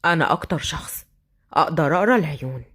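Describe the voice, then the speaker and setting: A woman voicing a brooding young male street thug with an Egyptian accent, speaking slowly and in a hushed, menacing way. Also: deep voice, expressive, slightly rough, voice pushed down, heavily acted.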